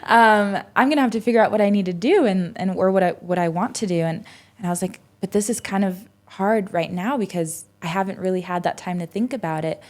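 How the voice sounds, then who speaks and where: A woman's voice: medium pitch, fairly quick. A woman in her twenties, a podcast guest, talking casually and reflectively, with many fillers and restarts. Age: 20s. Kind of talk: casual conversational interview.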